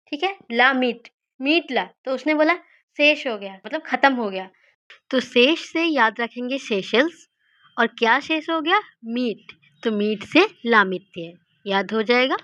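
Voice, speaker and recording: A woman teaching study mnemonics, repeating key words slowly and asking and answering her own questions. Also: high voice, fairly bright tone, dull audio. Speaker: teacher of memory tricks.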